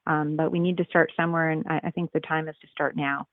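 Woman, over the phone, tinny lo-fi line, dry close sound, measured explaining, ums and uhs. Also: deep voice, little pitch movement, no echo. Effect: heard over the phone. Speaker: nematologist, interview guest. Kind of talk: radio interview answers.

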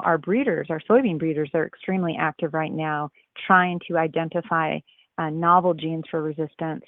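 This low-pitched woman is a nematologist guesting on a radio show by phone, so she sounds thin and tinny with no room echo. She walks through her answers with care, often pausing on "um" and "uh."

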